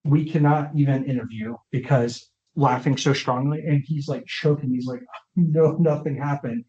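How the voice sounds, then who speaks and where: A man with a steady, mid-range voice that's a little mellow talks at a moderate pace. He's a neuropsychologist giving a relaxed lecture with audience questions, regularly checking comprehension. The recording is dull, roomy lo-fi online audio.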